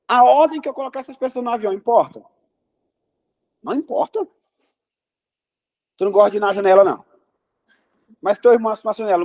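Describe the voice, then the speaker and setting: A man's voice: high-pitched, a little mellow. A man teaching a math class in a classroom, talking students through problems and asking them questions.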